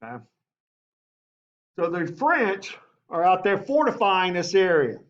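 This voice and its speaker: A man teaching a history class in a lively way, often asking the class and saying okay. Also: high voice, takes it slowly, lo-fi sound.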